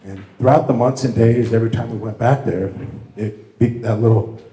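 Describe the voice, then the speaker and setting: A middle-aged man, father of the bride, giving a rambling, halting wedding toast with many restarts. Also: medium pitch, warm tone. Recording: echoey room.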